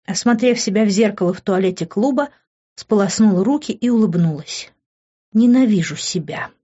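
A woman's voice: medium pitch, brisk, warm tone, dull audio. A woman reading a first-person novel aloud as an audiobook narrator, with an emotive storytelling manner.

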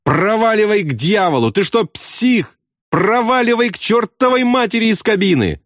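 A man voicing a terrified young bomber pilot who yells hysterically at his crew. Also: sing-song, normal speed, dry recording, clean studio sound. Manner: shrill hysterical yelling.

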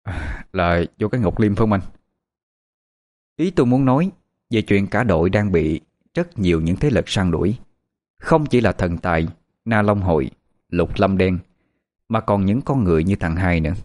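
A man narrating a first-person horror story in a steady, tense way. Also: sits low, normal speed, no echo.

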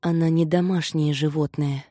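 A woman voicing a brooding, bitter young man who mutters and hisses his words in a lowered voice. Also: fairly even intonation, normal speed, warm tone, no echo, clean studio sound. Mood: hissing. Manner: muttered low and clipped.

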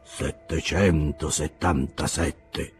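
A man voicing a solemn, pious old shipowner who speaks slowly in a sepulchral, preachy manner in an audiobook reading. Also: extremely low pitch, steady tone, husky, soft background music, pitched below the performer's own voice, full character voice. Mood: mumbling. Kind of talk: audiobook character voice.

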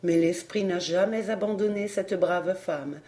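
A reader narrating a nineteenth-century novel in a measured, solemn way, as an audiobook. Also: medium pitch, warm tone.

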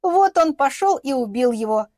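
A woman's voice: high-pitched, expressive, normal speed, mellow, dry recording, studio quality. A woman voicing a bitter, defiant young woman who sneers and speaks vehemently, in an audiobook.

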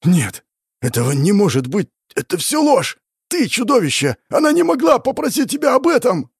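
A man voicing a grieving, furious teenage male demon emperor who shouts with a breaking voice. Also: high-pitched, wildly swooping pitch, slow pace, slightly rough, no room sound, studio quality, pitched above the performer's own voice, exaggerated voice.

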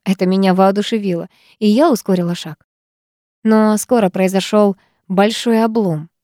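A woman narrating a first-person audiobook in a lively, expressive manner. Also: medium pitch, normal speed, no echo, clean studio sound. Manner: lively, expressive reading with sharp dialogue.

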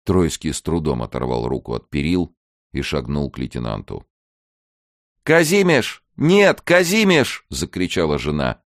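A man reading a novel aloud, voicing every character, with lively delivery that rises sharply for shouted dialogue. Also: rumbling low, a little fast, no echo, studio quality. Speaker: audiobook narrator.

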